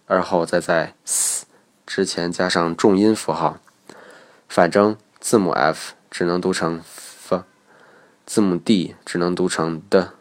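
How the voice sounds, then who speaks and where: Guy with a really low voice going through english study tips step by step, calm and matter-of-fact. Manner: methodical, matter-of-fact explanation. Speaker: English teacher. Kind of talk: instructional lecture.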